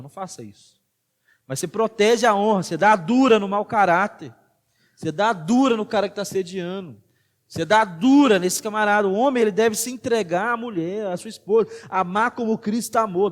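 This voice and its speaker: A Brazilian pastor preaching in church with a high-pitched voice. He speaks with a Brazilian Portuguese accent and drives his points home with emphasis, dropping low and quiet, then rising loud again. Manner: emphatic preaching, swings between hushed and loud. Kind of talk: sermon.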